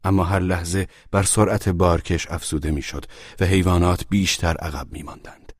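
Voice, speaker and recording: A man narrating a storybook in a measured, grave, dramatic way. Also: low-pitched, steady tone, no echo, clean studio sound. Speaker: audiobook narrator.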